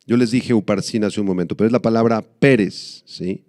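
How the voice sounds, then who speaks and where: Clear-voiced man preaching a sermon. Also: fairly low pitch, a little mellow, no echo, clean studio sound. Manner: explains slowly, repeats words for emphasis. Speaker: pastor. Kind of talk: sermon teaching.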